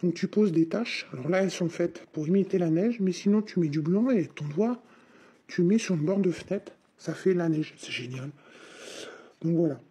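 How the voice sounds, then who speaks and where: A woman's voice: on the low side, moderate pace, warm tone, breathy edge. A woman's synthetic text-to-speech voice, chatting informally and in a rambling way through a casual unboxing vlog. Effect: synthetic voice replacing the speaker's own. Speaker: craft vlogger.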